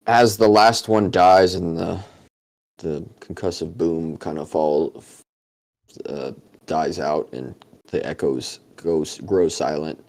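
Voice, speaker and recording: Dungeon master, male, low and slow, gravelly, fills his narration with ums. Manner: relaxed, halting narration with many fillers. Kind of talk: narrating a tabletop game.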